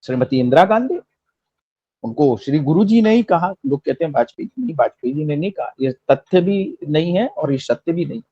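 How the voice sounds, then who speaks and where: A man delivers impassioned, emphatic political commentary, repeating phrases for rhetorical effect. His husky, dark voice is on the high side, animated and fairly quick, and the recording is dry and slightly dull.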